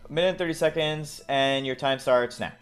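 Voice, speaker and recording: A man co-hosting a casual gaming podcast, animated and teasing, sometimes acting out silly voices. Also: medium pitch, fairly quick, clear, resonant tone. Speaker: podcast co-host. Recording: faint music bed behind.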